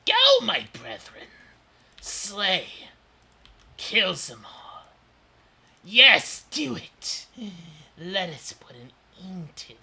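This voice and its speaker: A man voicing a menacing male beholder monster, a prison warden with a deep, nasal voice and hissing, half-whispered threats. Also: animated, takes it slowly, bright, forceful tone, husky, exaggerated voice.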